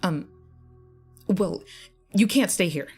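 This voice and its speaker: A woman's voice: fairly low pitch, expressive, slow, slightly rough, pitched above the performer's own voice, full character voice. A nervous teenage girl stammering her lines, as a woman narrator puts her on. Her voice is jumpy and tense, with faint music underneath. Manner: stuttering, nervous.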